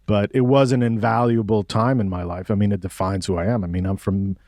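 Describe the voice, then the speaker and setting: In a clean, echo-free studio recording, a Mexico City man in his forties speaks briskly and steadily, his voice on the low side with a darkish tone. As a guest musician, he chats and reflects casually in the interview, dropping laid-back slang.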